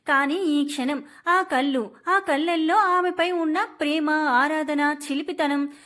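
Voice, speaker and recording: A woman narrating a romantic family story in an emotive, expressive storytelling manner. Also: high-pitched.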